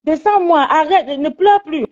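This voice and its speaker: A woman calls into a live stream with a pleading phone call, insistently soothing and scolding. Her high voice is unhurried with a darkish tone, heard through dull lo-fi phone audio.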